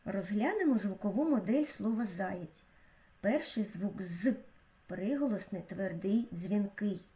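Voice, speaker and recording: Mellow-voiced woman narrating a lesson. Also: mid-range voice, expressive. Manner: slow, clear, teacherly delivery with careful pronunciation. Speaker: teacher. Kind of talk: scripted educational narration.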